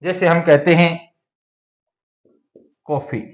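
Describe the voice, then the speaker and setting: A man's voice: on the high side, a little slow. A man teaching a Hindi grammar lesson, often asking his own questions and then answering them, with plenty of repetition. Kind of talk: classroom-style lesson.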